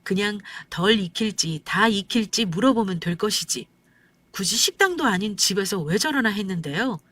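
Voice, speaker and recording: Female narrator for story radio; mid pitch, calm, dry close sound. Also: moderate pace, dry recording. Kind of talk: scripted first-person story narration.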